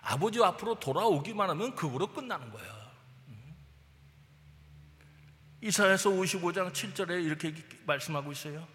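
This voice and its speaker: Bright-voiced male pastor preaching in a reverberant hall. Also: high-pitched, moderate pace, long pauses. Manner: animated preaching, swings from loud to hushed. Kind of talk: sermon.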